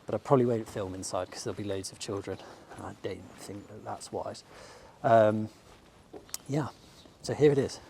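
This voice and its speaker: A gravelly, mellow, lowish voice at a moderate pace comes from an English bookshop owner and vlogger who is slightly losing his voice. Enthusiastic and chatty, with frequent ums, he films a casual walking-tour vlog on a handheld camera as he heads up a sunny shopping street. Slight background noise and faint outdoor street ambience are present.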